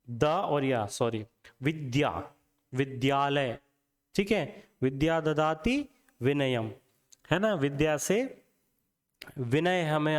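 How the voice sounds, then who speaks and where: A man giving an exam-prep grammar lecture, explaining slowly and sounding out letters one at a time while asking and answering his own questions. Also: on the high side, clear, resonant tone, big-room sound. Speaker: teacher.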